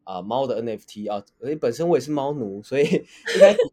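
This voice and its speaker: A man's voice: medium pitch, lively intonation, quick pace, darkish tone. A man. He talks as a podcast co-host in a casual, conversational style. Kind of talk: casual chat.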